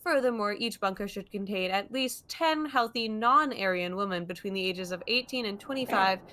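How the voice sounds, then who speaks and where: A woman reading as a cold official, word after word in a robotic monotone. Her bright voice carries no emotion at all. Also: medium pitch, normal speed, natural voice. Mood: flat. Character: cold female official reading a memo flatly.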